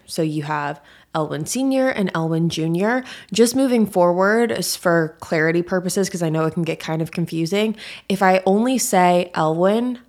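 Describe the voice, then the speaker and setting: Lower-pitched woman, true crime podcast narrator. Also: darkish tone. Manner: true crime narrator, casual and direct to listeners. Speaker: podcast host.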